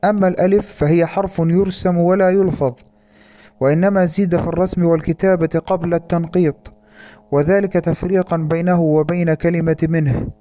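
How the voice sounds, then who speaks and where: A man giving a formal academic lecture in a measured way, slowing down to spell out example words with care. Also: a little high, mellow. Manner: measured, slows down to pronounce example words carefully.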